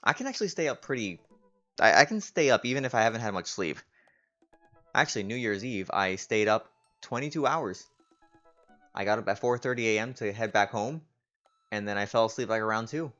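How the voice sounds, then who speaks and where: A man's voice: on the low side, lively intonation, fairly quick, pauses often, a bit bright, soft background music. A man streaming a game playthrough, chatting casually and reading game text aloud while hot and tired. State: overheated and tired. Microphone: old home streaming setup. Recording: dull lo-fi stream audio.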